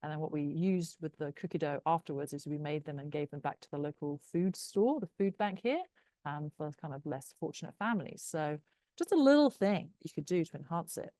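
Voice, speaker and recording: Low-voiced chatty New teacher woman. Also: animated, fairly quick, mellow, no echo. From New Zealand. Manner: chatty and encouraging, many fillers. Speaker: technology teacher presenting to educators. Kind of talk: recorded presentation to teachers.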